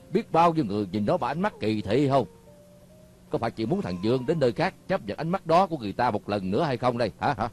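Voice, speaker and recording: A man's voice: medium pitch, a little mellow, natural voice. A man dubbing an earnest, protective neighbor who is simple and stubborn, speaking in an insistent, pleading way. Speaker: voice actor dubbing a drama. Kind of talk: Vietnamese dub of a Hong Kong TV drama.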